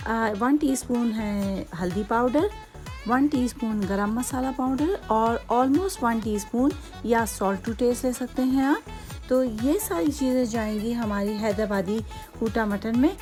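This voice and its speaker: A woman's voice: on the high side, slow, a little mellow, soft background music. A woman with a Hyderabadi accent hosting a home cooking tutorial, chatty and patient as she explains each step with many asides. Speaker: cooking channel host.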